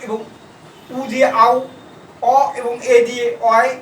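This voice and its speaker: A man's voice: very high-pitched, little pitch movement. Distant male teacher in a roomy space. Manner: repeats words slowly and spells out letters. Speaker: shorthand teacher. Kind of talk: classroom lesson. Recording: roomy, distant, faint background noise.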